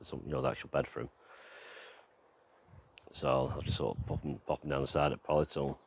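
A gardening vlogger's very deep, low voice comes across brisk, creaky and husky as he tours his allotment and garden outdoors. He films on a handheld camera, rambling in a relaxed way with frequent ums and you-knows.

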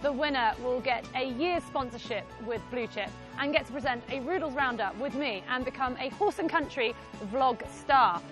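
A woman presenting a TV competition in an energetic, announcing manner. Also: high-pitched, normal speed, few pauses, over music. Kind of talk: upbeat TV presenting.

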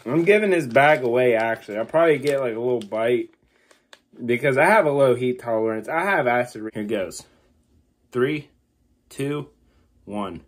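A man's voice: medium pitch, lively intonation, normal speed, long pauses. A man in his thirties chatting informally to his viewers in a casual homemade vlog. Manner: informal, swearing, addressing viewers as guys. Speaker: vlogger doing a food challenge. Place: small indoor room at home. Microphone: phone at about arm's length.

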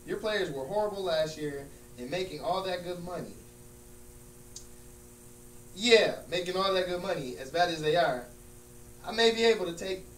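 A man's voice: sits high, fairly bright tone. A man acting out a smug, exasperated friend who mocks and corrects emphatically in a comedy scene. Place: large room with small stage, indoors. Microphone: far camera. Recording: distant, echoey room with hum and noise.

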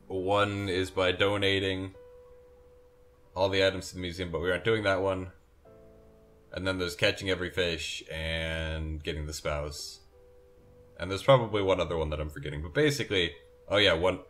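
A man's voice: sits low, a bit bright. A sleepy young man rambling and correcting himself as he comments on a farming game he is playing. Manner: rambling, self-correcting, yawning. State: sleepy, yawning. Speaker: gameplay commentator.

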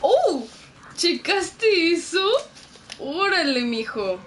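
A woman's voice: very high-pitched, very animated, extremely slow, heavy background noise. Jumpy Mexican woman gaming. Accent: Mexican Spanish. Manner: jumpy, yelps and shrieks when startled; swears playfully, talks to herself. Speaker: gameplay streamer. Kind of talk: casual gameplay commentary.

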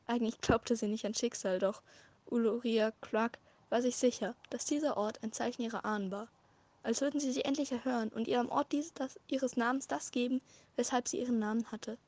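A woman narrating a fan-written story as a short audiobook, with a measured, dramatic reading and occasional slips. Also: fairly high pitch, fairly even intonation, darkish tone, dry recording. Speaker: amateur audiobook reader.

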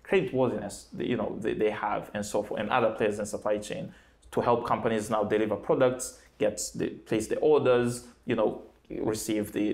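A young startup founder answers questions in a bright office full of plants, recorded on a lapel mic. His voice is lowish, gravelly, and darkish, and he speaks hesitantly with frequent restarts and fillers.

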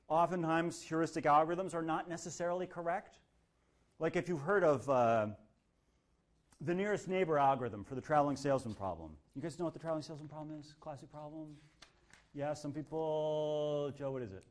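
A man lecturing a university class in a casual, joking way, acting out little quoted voices as he explains. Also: on the high side. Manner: lively, jokey, acts out quotes. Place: lecture hall.

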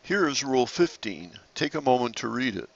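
A man narrating a slide-based lesson on sailing rules in a measured, explanatory way. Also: mid-range voice, sing-song, gravelly, fairly bright tone, dull audio. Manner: measured, explanatory, occasional restarts.

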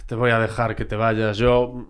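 Relaxed Spanish podcast host. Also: male voice, medium pitch, moderate pace, smooth. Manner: relaxed, informal, with Spanish interjections. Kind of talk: casual interview chat.

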